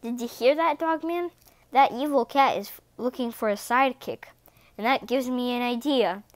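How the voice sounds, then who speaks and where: A woman's voice: fairly high pitch, moderate pace, no room sound, close to an everyday voice. A woman voicing a bossy male police chief who gives commanding, scheming orders in a read-aloud storybook.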